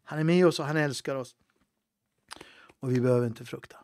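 A male pastor preaching a livestream sermon, swinging between loud fervent appeals and hushed, halting asides. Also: mid-range voice. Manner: halting, with restarts and fillers.

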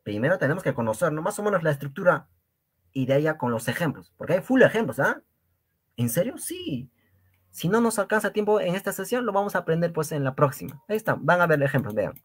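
Animated man teaching a language. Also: fairly high pitch, fast, slightly rough. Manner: animated, drills sounds with exaggerated repetition; addresses viewers as brothers and sisters. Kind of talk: livestreamed language lesson.

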